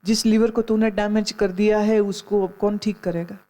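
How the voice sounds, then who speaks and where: A middle-aged woman spiritual teacher delivers a Gita discourse, telling stories, admonishing her listeners, and slipping in English phrases. Her medium-pitched voice is dark in tone, with a flat delivery at normal speed.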